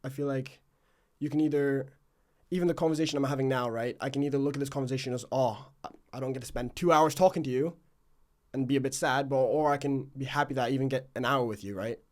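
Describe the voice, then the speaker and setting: On a podcast, a male host and interviewer speaks at medium pitch with a steady tone, a quick pace and a slightly mellow quality. His casual, reflective interview style is rambling and self-questioning as he works his way to each question.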